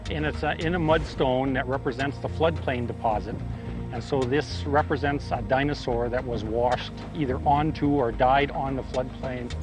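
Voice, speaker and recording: A man explaining a site informally as a field scientist in a documentary. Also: medium pitch. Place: outdoors at a fossil dig.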